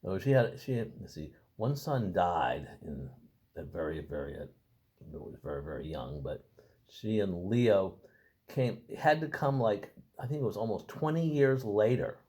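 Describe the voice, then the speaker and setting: Older man, lively pitch. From Boston, Massachusetts. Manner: rambling, halting, with many restarts. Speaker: interviewee. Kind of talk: casual family-history interview.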